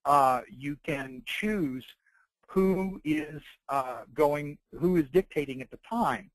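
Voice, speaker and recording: A man presenting an informal product tutorial, explaining things in a halting, piecemeal way. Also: a little high, lively intonation, dry recording, low-quality recording. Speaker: presenter demonstrating dictation devices and software. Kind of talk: informal product tutorial narrated over slides.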